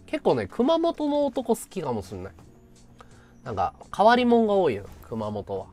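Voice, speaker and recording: A man's voice: sits high, huge pitch swings, moderate pace, a little mellow, faint music behind. A man from Chiba chatting casually with his live-stream viewers, rambling and laughing at his own stories. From Chiba, Japan.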